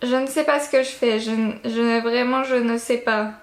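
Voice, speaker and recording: A woman's voice: on the high side, fairly even intonation, normal speed. A young woman chatting casually through a makeup challenge, unsure of herself and poking fun at her own attempts. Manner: chatty, unsure, self-mocking. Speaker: beauty vlogger. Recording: echoey room with faint music.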